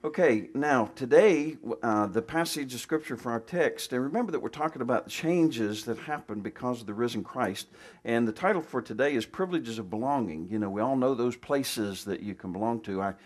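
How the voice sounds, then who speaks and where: A man's voice: mid-range voice, lively intonation, fairly quick, hardly any pauses. A male pastor giving a folksy, conversational sermon in a church, full of restarts and asides. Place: church sanctuary.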